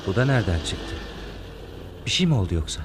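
Radio play: earnest young lover, emphatic and expressive. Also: male voice, deep voice, brisk, a little hiss or hum. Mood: upset. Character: earnest young suitor, frank and wry. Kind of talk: radio drama acting.

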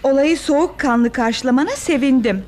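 A woman's voice: high voice, normal speed, a little mellow, slight background noise, close to an everyday voice. An actress playing a guarded young woman ending an engagement in a radio drama, hesitant and evasive. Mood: firm.

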